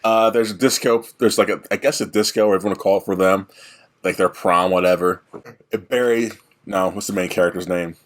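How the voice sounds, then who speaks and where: A man's voice: deep voice, fairly even intonation, fairly quick. A man co-hosting a podcast, casually retelling a film's plot in a rambling way and slipping into playful voices for the characters. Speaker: podcast co-host. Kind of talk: casual movie recap.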